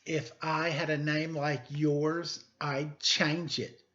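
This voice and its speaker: A man's voice: fairly high pitch, little pitch movement, slow, sharp tone, voice pushed up. Storybook bully: snooty little schoolgirl done by a man, taunting and mean, slightly muffled recording.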